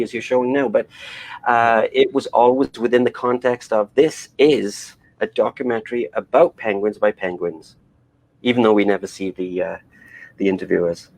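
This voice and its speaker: A middle-aged Welsh man, an animation director, is being interviewed in conversation. His medium-pitched voice is a little mellow, and he rambles with many restarts and fillers. The recording quality is low.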